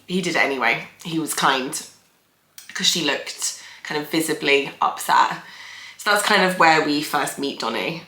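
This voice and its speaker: Here a young woman who hosts a therapy channel offers relaxed video commentary, musing aloud and leaning on fillers. Hay fever gives her low voice a slight nasal edge, along with vocal fry and a sharp tone, and the audio sounds roomy.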